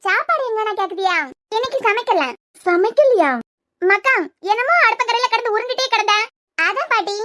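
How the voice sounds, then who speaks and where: A performer voicing a quarrelsome cartoon housewife with a Kanyakumari Tamil accent, scolding in sharp retorts. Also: full character voice. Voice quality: very high, squeaky cartoon voice. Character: quarrelsome housewife of a joint family. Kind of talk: cartoon web series dialogue.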